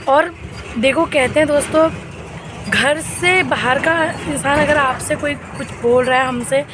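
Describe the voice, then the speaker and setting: A woman's voice: a little high, slight background noise. A young woman talking earnestly to her viewers in a casual vlog while walking along a street, recorded on a handheld phone. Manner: earnest, complaining, repeats herself, addresses friends often. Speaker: vlogger.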